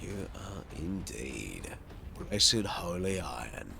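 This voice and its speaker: A gaming channel host commentates over his playthrough of a strategy game, musing aloud and addressing the characters while game music plays. His low, gravelly voice is slow and sing-song, with background noise.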